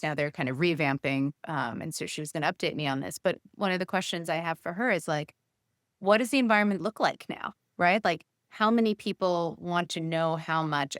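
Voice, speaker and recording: Woman guest doc, lowish smooth voice, dry sound, talks through ideas w fillers. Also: no room sound. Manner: explanatory, lively, thinks aloud with fillers. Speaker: guest, physician and healthcare innovation executive. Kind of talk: casual interview conversation.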